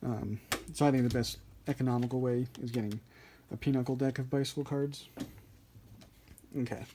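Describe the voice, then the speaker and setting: A man's voice: mid-range voice, fairly even intonation, normal speed, mellow, slight background noise. A man giving a casual hands-on tutorial as an instructor, informal and a little hesitant, thinking aloud as he explains. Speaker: card trick instructor.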